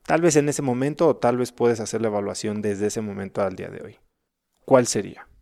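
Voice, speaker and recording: Low-voiced man asking measured questions. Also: fairly even intonation, creaky, dark tone. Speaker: host, interviewer. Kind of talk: interview questions.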